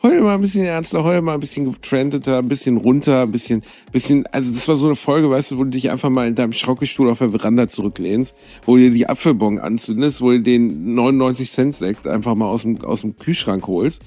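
A man's voice: medium pitch, fast talker, warm tone, no room sound. A man co-hosting a casual comedy podcast, telling stories and mimicking mispronunciations with plenty of animation. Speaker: podcast co-host.

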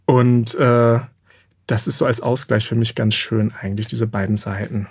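Male author guest, measured and self-deprecating, mid pitch, dry close sound. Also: steady tone, husky, no echo. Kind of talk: casual interview and audiobook reading.

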